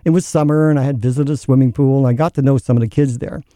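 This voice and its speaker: A middle-aged Newfoundland man hosts a business show, speaking earnestly and reflectively. His voice is very dark and mellow. It sounds dry and close, with no room echo. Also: medium pitch, steady tone, quick pace. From Newfoundland, Canada. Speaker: podcast host. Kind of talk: personal story and interview.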